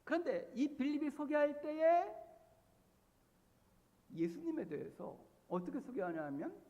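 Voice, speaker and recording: A man's voice: very high-pitched, lively intonation, measured pace, warm tone, dull audio. A man preaching a sermon as pastor, emphatic and repeating key words for stress. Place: church sanctuary. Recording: long church-hall reverb.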